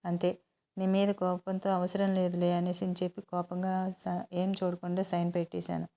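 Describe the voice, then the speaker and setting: A woman's voice: fairly low pitch, completely flat delivery, moderate pace, mellow, natural voice. A woman reading the lines of a hurt, hot-tempered young businesswoman who reproaches her partner. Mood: annoyed. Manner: tearful, reproachful.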